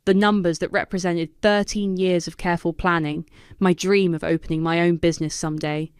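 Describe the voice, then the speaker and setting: A woman narrating a first-person drama story in a steady, even voice. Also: on the low side, fairly quick, smooth, no echo, clean studio sound.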